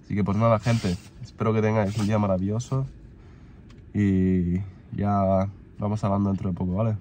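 A man's voice: lowish voice, little pitch movement, normal speed, mellow, slight background noise. Congested young man with a cold. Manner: rambling, many fillers and restarts. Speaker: vlogger. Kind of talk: casual vlog talk.

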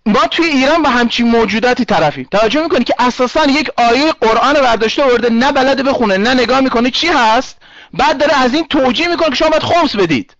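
Brief: high-pitched male chat room host, combative and insistent, dry, dull lo-fi online audio. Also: lively intonation, a bit bright, no room sound. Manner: argumentative, repeats himself, interrupts callers. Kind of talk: heated online talk room moderation.

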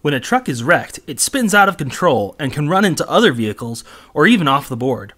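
A man co-hosting a board game preview, explaining the rules in a steady, plain way. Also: a little high, fairly quick. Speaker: game reviewer co-host.

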